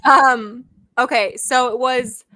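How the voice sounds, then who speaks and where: A young woman co-hosts a casual podcast, her voice bright and a little high. She tells animated stories and laughs often. The talk is loose and chatty. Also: slow pace. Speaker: podcast co-host. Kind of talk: casual chat.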